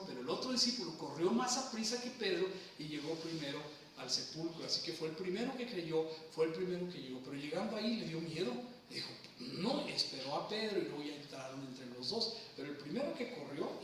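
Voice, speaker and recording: A man's voice: on the high side, a bit bright, a little hiss or hum. A man preaching a sermon, teaching scripture and asking his congregation questions as he goes. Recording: echoey room, from far off.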